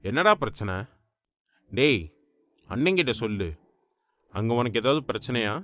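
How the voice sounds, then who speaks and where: A man's voice: medium pitch, expressive, a little slow, a bit bright, dry recording. A man voicing a young man who is a caring older brother, urgent and coaxing, in an audiobook. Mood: worried. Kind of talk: audiobook character voice.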